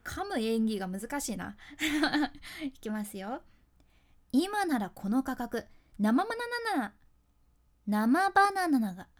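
Bright, high-pitched young woman coach, Kyushu dialect, playful and self-deprecating. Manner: chatty, laughs often, self-teasing. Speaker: speaking coach, freelance announcer. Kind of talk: casual instructional talk.

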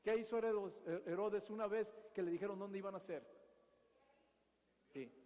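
High-voiced man preaching in a hall. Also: fairly even intonation, normal speed, darkish tone. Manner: asks the audience questions and acts out scenes. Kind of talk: Bible teaching sermon. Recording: long hall reverb.

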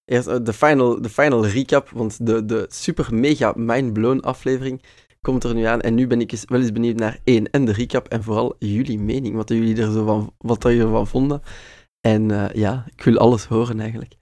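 Man with Flemish accent, enthusiastic, casual, mid pitch. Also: steady tone, fairly quick, a little mellow. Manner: enthusiastic, stammering on questions. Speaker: podcast host. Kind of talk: casual chat.

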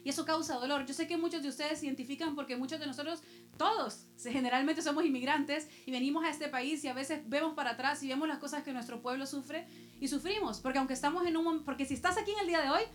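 High-voiced woman pastor preaching. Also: fast. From El Salvador. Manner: personal storytelling with rhetorical questions to the congregation. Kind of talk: sermon.

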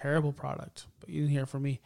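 A man's voice: medium pitch, completely flat delivery, very fast, gravelly, darkish tone. A man co-hosting a casual sports entertainment podcast, with a dry, sarcastic manner. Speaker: podcast co-host. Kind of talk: casual wrestling commentary chat.

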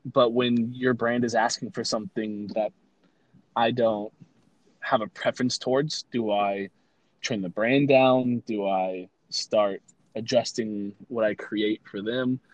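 A man's voice: mid-range voice, steady tone, a little slow, no echo. A man guest in a casual interview, easygoing and rambling with lots of fillers. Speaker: guest, brand consultant and content creator.

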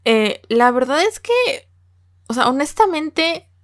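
A woman's voice: high-pitched, animated, slow, no echo, clean studio sound. A young Mexican woman with a Mexican Spanish accent, talking casually and emotionally to viewers about an anime, often repeating words. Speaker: anime reviewer.

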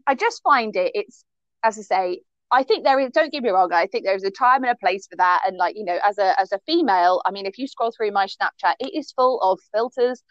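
A woman's voice: mid-range voice, fairly quick, a bit bright, dry recording. A woman co-hosting a podcast in casual chat, talking with emphatic, laughing energy. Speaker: podcast co-host. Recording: dull, dry sound.

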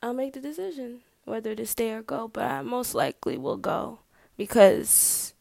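A young woman talking to the camera in a personal video diary, hesitant and halting, sometimes dropping to a soft whisper. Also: on the high side, sing-song, gravelly, no room sound, clean studio sound. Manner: hesitant, halting, full of fillers; drops to a soft whisper at times. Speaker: vlogger.

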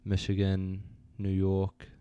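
A young man from New Zealand talks easily about his travels and work as a podcast guest. His voice sits low and smooth, with a mellow, dry sound close to the mic. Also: takes it slowly, dry recording, highs cut off. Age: young adult. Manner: relaxed, easygoing storyteller with fillers. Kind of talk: casual interview.

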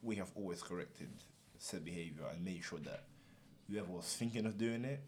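A man's voice: sits low, moderate pace, a little mellow. A young man with a London roadman accent, chatting casually as a podcast host, mixing street slang with mock-formal turns of phrase. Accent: London, multicultural urban roadman slang. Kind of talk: casual chat.

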